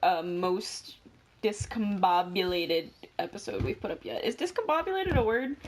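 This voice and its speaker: A woman's voice: medium pitch, lively intonation, normal speed, a little hiss or hum. A teenage girl co-hosting a podcast in casual chat, rambling, correcting herself mid-sentence and joking. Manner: rambling, self-correcting, jokey. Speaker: podcast co-host.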